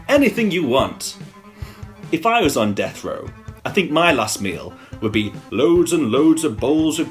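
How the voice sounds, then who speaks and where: A man performing stand-up comedy in a dry, absurd, deadpan manner, with the odd swear word. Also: medium pitch.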